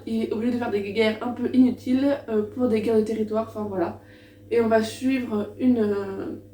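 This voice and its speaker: A woman's voice: a little high, mellow. A French-speaking woman hosting a book video, talking casually with many hesitations and restarts. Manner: hesitant, many fillers and restarts, self-mocking. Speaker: book channel host. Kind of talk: casual book presentation vlog. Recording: echoey room, mic at a distance, faint hum.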